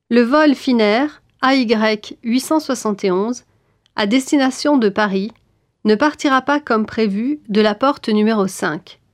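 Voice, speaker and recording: A woman reading scripted airport announcements in a formal, clearly articulated manner. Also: a little high, no room sound, clean studio sound. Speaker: announcer in a listening exam.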